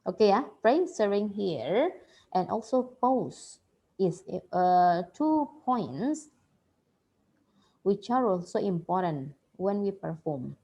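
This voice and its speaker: A woman's voice: medium pitch, big pitch swings, slow pace, dark tone, slightly rough. A woman giving a slide-based workshop talk, hesitant, with many fillers and a repeated "yeah". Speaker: workshop presenter.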